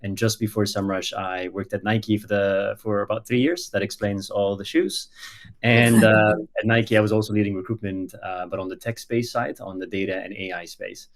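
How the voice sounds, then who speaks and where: Low-voiced man. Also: normal speed. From Egypt. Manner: upbeat, earnest, frequent ums. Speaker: recruiter, panel guest. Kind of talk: casual self-introduction.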